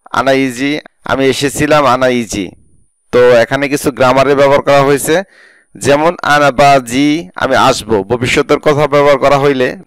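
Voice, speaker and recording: A man with a Bangladeshi Bengali accent giving a spoken Arabic language lesson, repeating each phrase slowly and then translating it. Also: medium pitch, fairly bright tone, clean tone, dry recording. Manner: slow repetition of phrases with translations.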